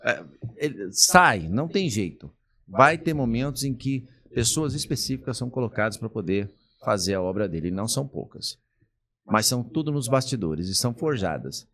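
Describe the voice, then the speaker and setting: A man's voice: mid-range voice, moderate pace. A man, a pastor telling a personal story as a podcast guest, acting out the people he quotes. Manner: animated, acts out the people he quotes. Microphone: podcast studio mic.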